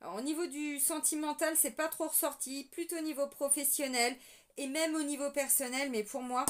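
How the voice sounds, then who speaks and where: A woman's voice: sits high, fairly even intonation, brisk, a little hiss or hum. Chatty French-speaking woman reading tarot. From France. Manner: chatty, hesitant, many fillers, addresses viewers as friends. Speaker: tarot reader. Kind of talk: casual tarot reading to camera.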